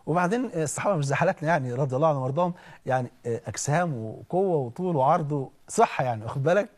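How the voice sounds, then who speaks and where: A man with an Egyptian accent preaching in an animated, conversational storytelling way, often checking in with listeners. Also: a little high, rapid-fire. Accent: Egyptian Arabic. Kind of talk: storytelling sermon.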